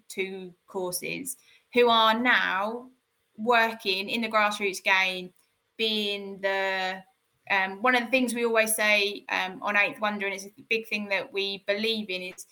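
A woman's voice: medium pitch, pushed and bright, rough recording. A woman from a county football body, answering interview questions with proud enthusiasm and the odd filler. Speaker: county football development officer.

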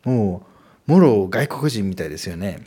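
A man's voice: fairly low pitch, lively intonation, normal speed, mellow, slightly rough. A man hosting a casual solo podcast about learning Chinese, talking in a friendly, explanatory way with many fillers. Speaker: podcast host teaching Chinese.

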